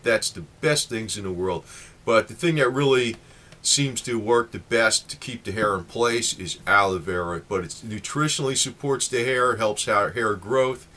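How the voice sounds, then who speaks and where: A man's voice: fairly low pitch, normal speed, pushed and bright. A man in his late fifties giving a casual, rambling talk to the camera with lots of fillers. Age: 50s. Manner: rambling, chatty, many fillers. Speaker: vlogger.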